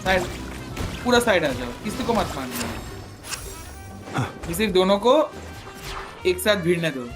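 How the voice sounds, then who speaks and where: A man's voice: sits high, sing-song, slow, long pauses. A man streaming a game live, talking a friend through a fight and repeating his instructions. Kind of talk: live gameplay commentary. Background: game music.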